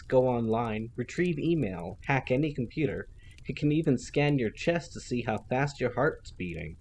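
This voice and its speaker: A man voicing an arrogant teenage genius who talks in a crisp, formal way. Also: medium pitch, mellow, slight background noise, close to an everyday voice. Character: arrogant young teen male genius, cool and precise.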